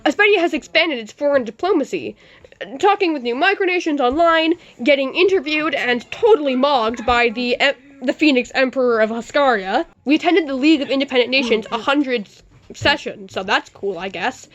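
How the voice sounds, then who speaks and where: A woman playing a sarcastic male news anchor, reading her reports in a deadpan tone with dry asides. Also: high voice, a little fast, dull audio. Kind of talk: amateur mock newscast.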